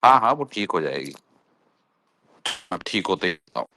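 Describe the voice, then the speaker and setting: A man's voice: low-pitched, sing-song, moderate pace, noisy background. A man arguing in a casual voice chat, his voice cutting in and out over a bad call connection. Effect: voice breaking up over a bad call connection. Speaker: caller in an online voice chat. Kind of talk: casual heated cricket debate. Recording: choppy distant internet call audio.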